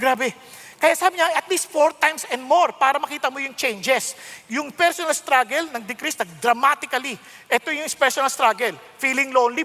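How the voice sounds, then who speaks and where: A middle-aged Filipino pastor preaching an animated sermon that switches between Tagalog and English. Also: extremely high pitch. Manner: animated, mixing Tagalog and English, self-mocking humor. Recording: long hall reverb.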